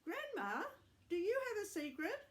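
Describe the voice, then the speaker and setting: A woman's voice: extremely high pitch, huge pitch swings, moderate pace, voice pushed up, heavily acted. A woman voicing an eager little girl who teases in a singsong way about a secret. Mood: teasing.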